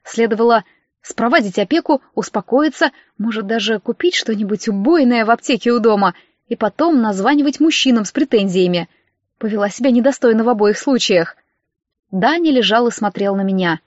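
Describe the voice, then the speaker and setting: A woman narrating an audiobook in the first person with an expressive reading, on a dull, dry recording. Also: on the high side, a little fast, dry recording.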